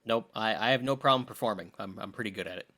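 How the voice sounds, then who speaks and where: A man's voice: on the low side, fast talker, heavy background noise. A man in his thirties co-hosting a film podcast, teasing his friend in casual chat. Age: 30s. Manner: teasing, animated, jokey. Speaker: podcast co-host.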